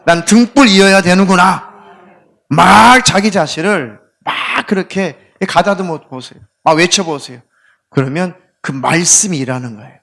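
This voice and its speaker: Lively, animated male pastor preaching. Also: fairly high pitch, vocal fry. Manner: lively, humorous preaching with acted inner voices; leads the congregation in call-and-response scripture reading. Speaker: senior pastor. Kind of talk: sermon. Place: church sanctuary.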